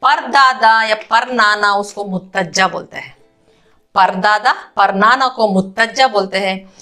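Bright-voiced woman teaching language. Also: mid-range voice, measured pace, soft background music. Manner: repeats each word, checks understanding with the class. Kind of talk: explaining kinship words to learners.

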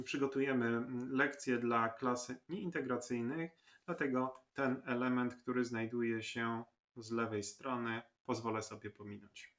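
A male lecturer calmly walking through an online course platform step by step, with many filler sounds. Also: mid-range voice. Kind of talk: screen-recorded platform tutorial.

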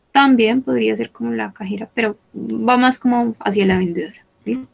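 Slow, careful French teacher woman. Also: a little high, gravelly. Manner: slow, careful, repeating words for students. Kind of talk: bilingual online class, French and Spanish.

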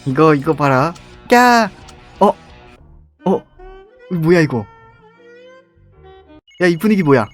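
A young man talks his way through a mobile dating game, reading choices aloud and chuckling at them. His voice sits a bit high for a man. Faint music plays underneath. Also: slow pace, long pauses. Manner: chatty, reads game lines aloud, laughs often. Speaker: gaming YouTuber. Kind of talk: game playthrough commentary.

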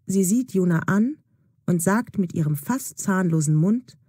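Slow, husky woman storyteller. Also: on the low side, animated, dark tone, no room sound, studio quality. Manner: slow, clear and deliberate. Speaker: narrator. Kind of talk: scripted narration for German learners.

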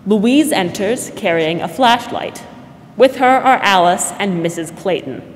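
A young woman with a medium-pitched, animated voice acts as announcer for a scripted 1940s-style radio drama, speaking a little slowly. She stands at a stand microphone on a large indoor theatre stage, and the hall's reverberation carries faint noise.

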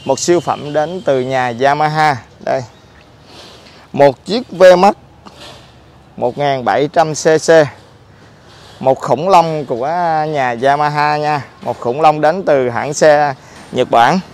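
A middle-aged man presents a casual motorcycle review outdoors, talking haltingly through a face mask. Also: on the high side. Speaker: motorcycle dealer presenting on own channel. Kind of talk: casual vlog product review. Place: outdoors in a public park by a street.

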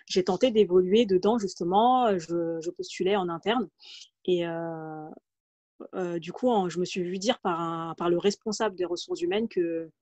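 As an interview guest, a thirty-something woman from the Paris region hesitantly describes her career path, restarting and using many fillers. Her voice sits on the low side, moderately paced and a bit mellow, with no room sound on the dull, lo-fi video call from her home.

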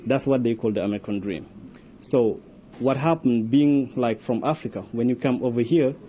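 Mellow-voiced man from Senegal. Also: medium pitch, normal speed, muffled recording, slight background noise. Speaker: network engineer. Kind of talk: interview answers. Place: office with world map on wall. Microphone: handheld reporter mic.

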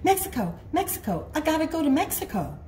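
A woman's voice: medium pitch, sing-song, a little fast, darkish tone, reverberant, slight background noise, natural voice. A woman voicing a tiny, determined female caterpillar bug who chants her lines in a singsong way while reading a storybook aloud. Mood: chanting.

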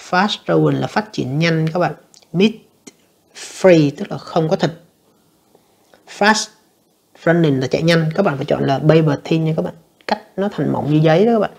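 Low, gravelly woman teacher. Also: a little mellow. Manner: explains each answer step by step, reading English lines slowly. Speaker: English teacher. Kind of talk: exam review lesson.

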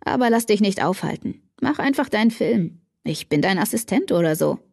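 A woman's voice: medium pitch, expressive, moderate pace, darkish tone, husky, dry recording, clean studio sound. Woman voicing a smug teasing teenage boy.

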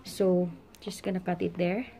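Working with her hands at an indoor table covered in potted plants, a Filipino plant vlogger with a Visayan accent chats while showing how to care for plants, blending English with Tagalog and Bisaya. Her voice is fairly low and dark, delivered flatly at a moderate pace over slight background noise.

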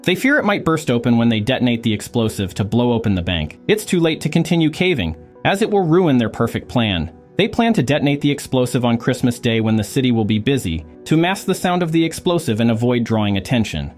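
A man's voice: medium pitch, very animated, a little fast, soft background music. A man narrating a film recap in a scripted storytelling style, with swooping intonation.

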